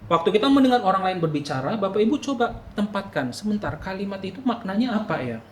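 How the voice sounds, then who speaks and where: A man preaching a sermon to the congregation, talking to them directly and acting out his inner thoughts in a quiet murmur. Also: high-pitched, sing-song, fast talker, a little hiss or hum. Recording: echoey hall with faint ambience.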